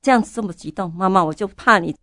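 A woman's voice: mid-range voice, fast, fairly bright tone, no echo, clean studio sound. An older woman, a church elder, telling her story in an interview and fervently repeating her prayers aloud. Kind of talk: testimony interview.

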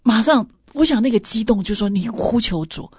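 A woman interviewer with a slightly husky voice gently draws out her guest's story through follow-up questions. The sound is dry and close, with no room echo. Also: fairly high pitch, animated, brisk.

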